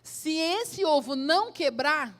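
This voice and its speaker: A woman's voice: high-pitched, a little fast, natural voice. A woman doing a scoffing male professor. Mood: challenging. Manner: scoffing, dares loudly. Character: mocking unbelieving male professor.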